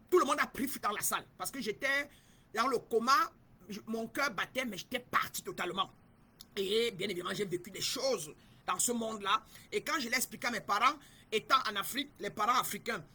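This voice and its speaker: A woman's voice: fairly high pitch, sharp tone, husky. A middle-aged woman from Cameroon, a spiritual guide giving an emphatic, repetitive teaching talk and speaking straight to her listeners.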